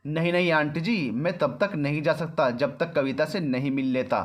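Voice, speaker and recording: A man's voice: fairly high pitch, normal speed, lightly acted. A man voicing an arrogant, controlling young man in a storybook reading, rude and mocking. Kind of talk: storybook narration.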